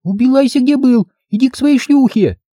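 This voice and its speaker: A man's voice: very high voice, normal speed, mellow, no echo, clean studio sound, pitched above the performer's own voice. A man voicing a small girl who shrieks and scolds while playing house. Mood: scolding.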